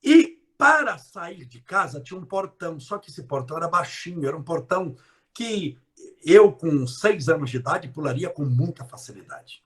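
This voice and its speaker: A man gives a live motivational talk in a high, strongly swooping voice. He stretches key words for emphasis, breaks into loud bursts, and keeps teasing his listeners with direct questions. His melody rises and falls sharply throughout. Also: sing-song, moderate pace. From interior of São Paulo state, Brazil. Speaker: motivational speaker.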